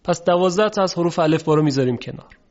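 A man teaching a recorded recitation lesson, formal and polite, who explains patiently and stretches sounds out slowly to show them. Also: fairly high pitch, animated, darkish tone, muffled recording.

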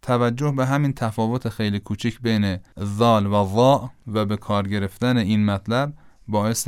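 A man with a lowish, smooth and resonant voice gives a pronunciation lesson for Quran recitation. He speaks deliberately, repeating single words again and again to show the sound. The recording is dry and close, with no room around him. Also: dry recording. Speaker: pronunciation teacher.

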